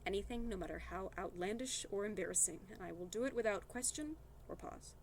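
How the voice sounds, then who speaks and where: A woman voicing a shy but self-assured nerdy teenage boy in a read-aloud novel, speaking in a calm, measured way. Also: mid-range voice, slight background noise, natural voice. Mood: confident.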